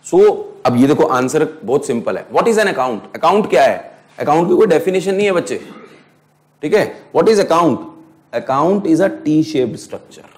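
In a classroom full of students, a male accounting lecturer with an Indian English accent delivers a lecture, switching between Hindi and English. His voice is slightly high, expressive and somewhat mellow, and he slows down sharply to dictate definitions and puts questions to his students.

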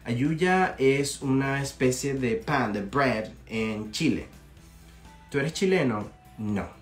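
A young Venezuelan man gives a relaxed live English lesson, talking in a friendly, chatty way and often stopping to check in. He repeats phrases slowly so listeners can practice them. Faint music plays behind his voice. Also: medium pitch. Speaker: English teacher. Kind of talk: live-streamed language lesson.

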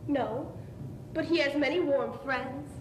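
A woman in an amateur stage play acting an earnest, proud, easily flustered young woman in love. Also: takes it slowly. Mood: defiant. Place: theatre stage, indoors. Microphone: far camera. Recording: noisy, rumbling, echoey distant stage recording.

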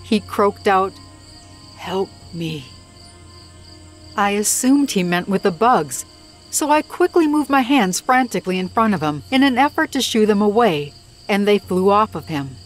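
Female narrator for scary stories, animated intonation, measured delivery, soft music bed. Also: medium pitch. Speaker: horror story narrator. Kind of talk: scripted first-person story narration.

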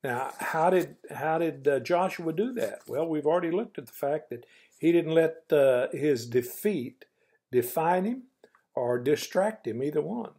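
A man's voice: a little high, expressive, measured pace, darkish tone, husky. An older man giving a folksy morning devotional, exhorting listeners like an old coach with stern emphasis. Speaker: devotional preacher.

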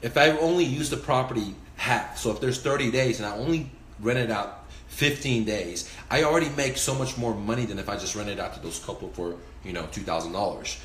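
A man in his forties speaks straight into a close phone camera in a small, roomy-sounding room, his voice on the low side. He talks in a casual, profane, emphatic way, gesturing with his hands as he goes. A faint hum of ambience sits behind him. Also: brisk. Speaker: real estate investor. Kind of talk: casual instructional vlog. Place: indoors, small room by a window.

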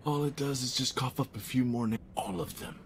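An actor playing a cold, ruthless police boss who gives menacing, matter-of-fact orders. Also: male voice, medium pitch, fairly even intonation, brisk, close to an everyday voice. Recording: noisy film soundtrack.

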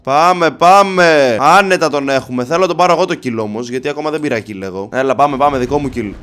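A man giving lively, joking let's-play commentary, taunting and pleading with his opponents as he plays. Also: mid-range voice. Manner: excitable, jokey, taunts and pleads with enemies. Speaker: gaming YouTuber.

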